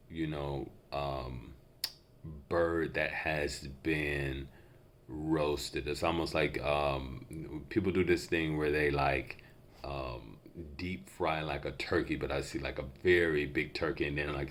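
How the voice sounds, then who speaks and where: Really deep voiced guy doing a psychic reading off the cuff, mentalist style, tentatively picking out impressions bit by bit. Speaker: psychic reader giving channeled messages. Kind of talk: unscripted intuitive reading to the listener.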